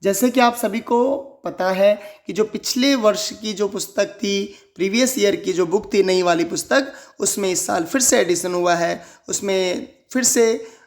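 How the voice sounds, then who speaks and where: A man teaching a textbook lesson to children, reciting slowly and repeating each phrase with care. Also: high-pitched, vocal fry. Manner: slow, carefully spelled-out recitation and repetition.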